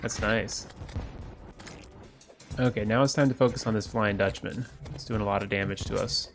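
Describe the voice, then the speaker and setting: A gaming YouTuber, congested from a cold, gives upbeat let's play commentary and gets excited over loot. His voice is lowish with vocal fry at a moderate pace, and faint music plays behind him.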